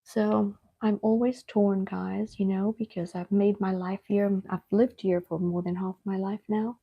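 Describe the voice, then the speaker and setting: A woman's voice: mid-range voice, little pitch movement, creaky, breathy edge, highs cut off. A middle-aged woman from Cape Town, chatting to viewers while painting on a live stream. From Cape Town, South Africa. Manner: chatty, speaks straight to viewers, unhurried. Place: home art studio.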